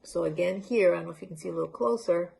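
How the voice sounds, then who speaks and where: A woman's voice: lowish voice, fast talker, vocal fry, warm tone. A woman from Honduras, presenting handmade crafts in a casual, unscripted show-and-tell talk and holding pieces up to the camera. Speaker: library art talk presenter.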